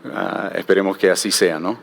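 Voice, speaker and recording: A man's voice: sits low, steady tone, normal speed, gravelly. A man speaking as a shipping panelist at a conference, hesitant and repeating words as he thinks.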